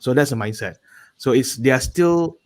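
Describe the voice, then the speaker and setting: A man's voice: medium pitch, lively intonation, normal speed. A man with a Malaysian accent giving a casual explanation as a panel guest, often checking in with a "right?". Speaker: panel guest, business coach.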